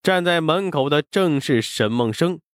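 A man narrating an audiobook with expressive storytelling. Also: fairly high pitch, a little slow, no room sound, studio quality.

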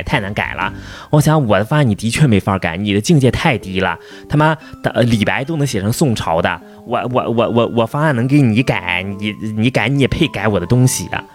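A man telling a long, profane, angry story about his workplace. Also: on the low side. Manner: profane, heated, rising to outbursts. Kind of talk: casual angry rant.

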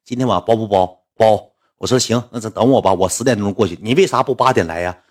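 Here a young man with a Northeastern Chinese accent rattles off a casual story from his school years. He talks fast, getting lively and rising high in pitch when stirred up.

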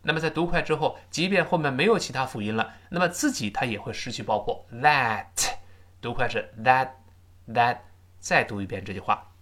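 Animated male English teacher drilling pronunciation. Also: medium pitch. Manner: drills pronunciation, repeating English phrases loudly and slowly; switches between explaining and reading aloud. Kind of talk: spoken English lesson.

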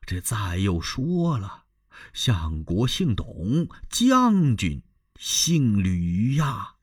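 A man voicing a cautious, scheming elderly court minister in a traditional storytelling performance, speaking slowly and persuasively in a hushed tone. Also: fairly low pitch, wildly swooping pitch, slightly rough, dry recording, clean studio sound, full character voice.

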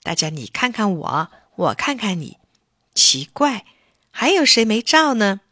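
A woman voicing a small, bossy, excitable toy puppet who takes photos, in a high, shouting voice for a children's storybook. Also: measured pace, dry recording, studio quality, exaggerated voice. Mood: excited.

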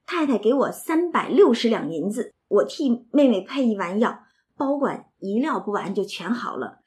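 A woman's voice: a little high, very animated, normal speed, a little mellow. A woman voicing a playful teenage boy who likes to tell tall tales, teasing and boastful.

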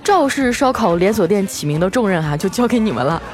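A woman's voice: medium pitch, lively intonation, some chatter behind. A woman host, telling funny everyday stories in a chatty way, drawing out the particles at the ends of phrases. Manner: chatty, drawn-out sentence-final particles. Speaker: streaming host. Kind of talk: comic storytelling monologue. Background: background music.

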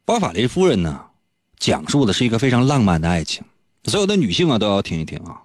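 A playful male radio host tells a comic story in a studio. His pitch swings widely, leaping high whenever he gets excited. The voice is a little husky, and the room is dry and close. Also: fast talker, no echo.

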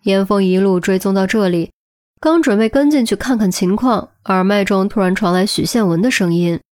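A woman narrating a web novel audiobook in a steady, even storytelling voice. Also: medium pitch, normal speed, no room sound, studio quality.

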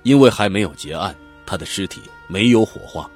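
A man's voice: low voice, animated, fairly quick, darkish tone. A man narrating a dramatic audiobook, telling the story vividly and expressively. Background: faint background music.

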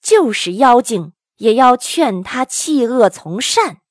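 A woman voicing a stern but gentle old monk master who chides slowly and gravely. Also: on the high side, very animated, dry recording, clean studio sound, exaggerated voice. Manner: slow, grave and chiding.

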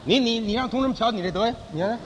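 A man's voice: very high voice, rapid-fire, big-room sound, lo-fi sound, a little hiss or hum. A male crosstalk comedian, playing a smug, self-important fixer who boasts of connections and bosses his partner around. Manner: blustering, bossy, talks down to his partner.

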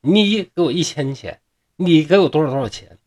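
A man with a Northeastern Mandarin accent voicing a greedy, scheming blind old male monk, making slow, drawn-out demands. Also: fairly high pitch, animated, darkish tone. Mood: demanding.

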